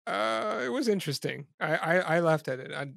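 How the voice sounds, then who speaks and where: A man hosts a casual interview at a brisk clip, his slightly high voice carrying a gravelly edge. He is self-deprecating and often stumbles over repeated words. The sound is dry and close. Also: expressive, fairly bright tone, dry recording. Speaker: podcast host.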